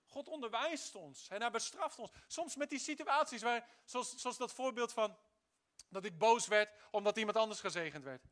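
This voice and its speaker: A man preaching a sermon with animated delivery, calling on the congregation to respond and swinging between soft and loud. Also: extremely high pitch, moderate pace.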